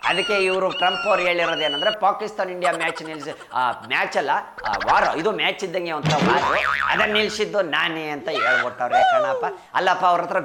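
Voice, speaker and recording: Hosting a satirical political news segment, a man with a rustic Karnataka Kannada accent gives a folksy, chatty comic monologue, throwing rhetorical questions at viewers. His voice sits high with huge pitch swings and fairly quick delivery, and the recording is very noisy.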